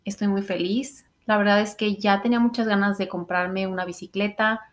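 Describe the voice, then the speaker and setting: A woman's voice: mid-range voice, fairly even intonation, normal speed. Casual young Mexican woman co-hosting a podcast. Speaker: podcast co-host. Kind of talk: casual chat.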